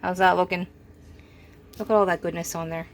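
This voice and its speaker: Slight background noise accompanies this young food vlogger as she taste-tests her baking in a casual home cooking demo. Though chatty and enthusiastic, even talking while chewing, she speaks a little fast in a fairly low voice with a flat delivery.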